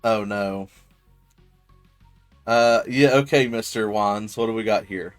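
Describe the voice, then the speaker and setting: A man's voice: lowish voice, slow pace. A man game master casually recapping his first tabletop session, talking in a loose, rambling way with many fillers and some swearing. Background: faint music.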